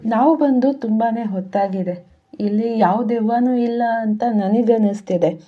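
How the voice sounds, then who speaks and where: A woman's voice: a little high, a little slow, dull audio. A woman doing a bold, take-charge young man. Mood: dismissive. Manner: bold and reassuring. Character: confident young man who leads the group.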